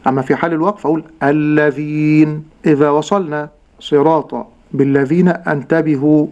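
A man teaching Quran recitation rules, explaining in a measured way and drawing out each example word slowly. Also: on the high side, a little mellow, lo-fi sound. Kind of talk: tajweed lesson with slow demonstrations.

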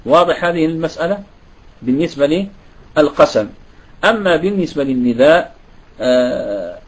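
Man, grammar teacher, husky, fairly high voice, quizzing students. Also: fairly bright tone, low-quality recording. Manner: asks students rhetorical questions. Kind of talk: classroom grammar lesson.

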